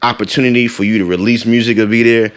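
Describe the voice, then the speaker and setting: A man's voice: medium pitch, steady tone, quick pace, clear, resonant tone. A man with an American accent chatting casually and emphatically, repeating himself and leaning on slang. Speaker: music producer. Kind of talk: casual conversation.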